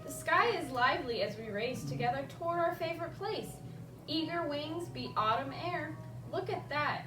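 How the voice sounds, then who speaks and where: A woman with a high voice hosts a children's story time as an animated storyteller, reading a picture book aloud expressively at a moderate pace and chatting casually with the young listeners. The audio is roomy and distantly miked, with music behind her.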